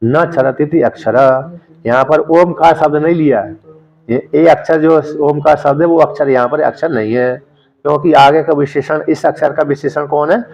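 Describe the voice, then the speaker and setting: Man, scripture teacher, explanatory lecture, gravelly, medium pitch, muffled lo-fi sound. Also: moderate pace, a little mellow. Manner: explanatory, repeats words to drill pronunciation. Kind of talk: lecture on a Sanskrit text.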